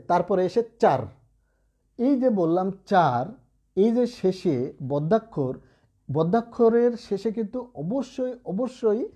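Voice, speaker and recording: A man's voice: high voice, mellow. A man teaching a lesson to students, explaining patiently with frequent check-ins and repeated phrases. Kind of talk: classroom-style lesson.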